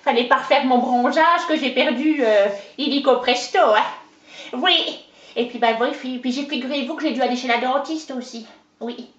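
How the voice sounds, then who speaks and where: A fairly high, natural-sounding female voice portrays a talkative, bragging older countrywoman with a Haut-Doubs Franc-Comtois accent. As the interviewee in a comic character interview, she rambles in a folksy way peppered with "hein" and "oh ben," captured in roomy, dull lo-fi sound.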